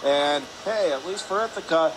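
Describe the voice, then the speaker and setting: Loud arena noise fills the background as a slightly high-voiced man does live radio play-by-play of a hockey game inside an ice rink. He keeps his calls brisk, clipped, and in the present tense, lifting his voice whenever there's a shot.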